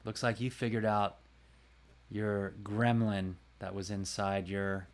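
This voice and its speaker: A man's voice: lowish voice, flat delivery, slow. A man hosting his own livestream, chatting casually and a bit rambling, talking to viewers by name about his voice work. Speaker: livestream host and voice actor. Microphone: close desk mic.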